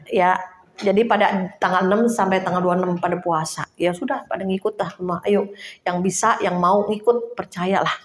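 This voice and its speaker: A woman preaching an informal sermon to a small house church, chatty and lively, laughing now and then and acting out little quotes. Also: fairly low pitch, a little fast, reverberant.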